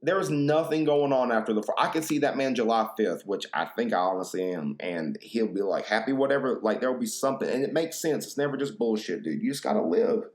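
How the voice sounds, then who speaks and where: A man's voice: medium pitch, lively intonation, a little fast, hardly any pauses, a little mellow. A man hosting his podcast in a casual, rambling way, slangy and profane, a little tipsy from drinks. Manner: laid-back, slangy and profane, full of "dude" and "bro". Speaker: podcast host.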